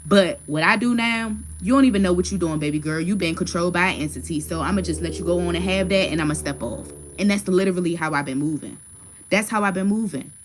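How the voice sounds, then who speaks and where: A woman's voice: fairly low pitch, fast talker, slight background noise. Blunt, cursing woman in her thirties. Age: 30s. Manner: blunt, profane, emphatic. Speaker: tarot card reader. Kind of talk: casual livestream rant and card reading.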